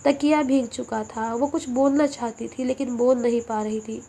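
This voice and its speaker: A woman narrating a scripted emotional story in steady, dramatic first person. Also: on the high side, creaky, a little hiss or hum.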